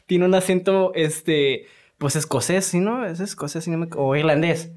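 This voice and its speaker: Animated speaker with a Mexican accent. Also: mid-range voice, unhurried. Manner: animated, slangy, full of sound effects and filler tags. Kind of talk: casual film discussion.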